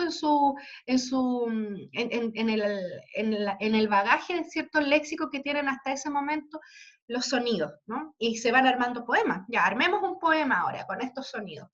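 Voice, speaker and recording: High-voiced woman teaching a class. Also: a bit bright. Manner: checks understanding often with tag questions; patient, spells out examples slowly. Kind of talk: classroom lesson explaining poetry. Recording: dull lo-fi recording.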